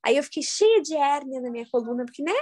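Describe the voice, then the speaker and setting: A woman, giving a live workshop talk to an audience, telling stories in a jokey, animated way with sudden loud, high bursts. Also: fast talker. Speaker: workshop facilitator.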